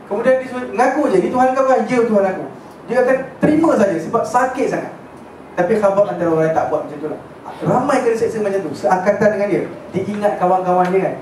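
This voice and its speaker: Fast and a little mellow, his high voice carries a religious lesson delivered as chatty, casual storytelling. He mixes in English words and frequently checks in with his listeners. An echoey hall, distant mic, and faint noise shape the recording.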